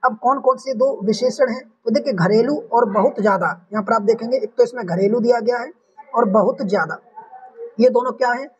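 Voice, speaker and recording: A man's voice: very high voice, brisk, recorded from a distance, muffled recording. A man teaching an online exam-prep language lesson, walking through each answer option step by step and repeating the correct ones. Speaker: Hindi exam tutor.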